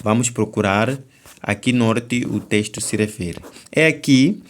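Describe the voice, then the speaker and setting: A man's voice: lowish voice, unhurried. Man talking through exam answers, step by step. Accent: Mozambican Portuguese. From Mozambique. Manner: explains step by step, often stopping to say "então" and "ok?". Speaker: exam tutor.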